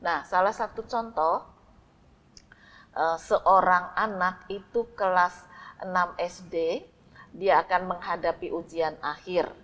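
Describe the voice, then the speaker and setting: A woman giving a calm, unhurried storytelling devotional to a congregation. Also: fairly low pitch, lo-fi sound. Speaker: church devotional speaker.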